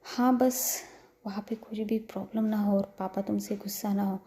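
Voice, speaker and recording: A woman voicing a gentle young woman who soothes her partner in a soft, coaxing, affectionate way, in a storybook reading. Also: medium pitch, fairly even intonation, normal speed, natural voice. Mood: casual.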